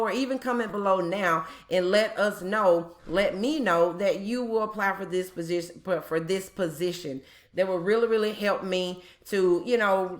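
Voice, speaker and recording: A woman hosting a job-tips video, explaining in a casual, chatty way with frequent ums and repeated points. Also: medium pitch. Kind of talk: casual explainer talk to viewers.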